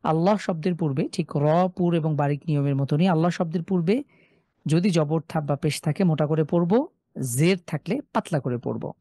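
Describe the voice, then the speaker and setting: A man teaching a live online class on Quran recitation rules, explaining each rule and then reciting examples slowly and drawn out. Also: fairly high pitch, mellow, no echo. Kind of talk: online tajweed lesson.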